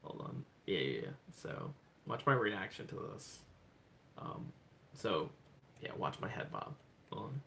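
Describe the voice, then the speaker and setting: Casual livestream guy at home: low, gravelly voice that swings up and down, excitable, thinks out loud. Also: a little slow, long pauses, slight background noise. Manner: excitable, thinks aloud, repeats "hold on" and "oh my gosh". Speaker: livestreaming speedcuber. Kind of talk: casual livestream self-talk.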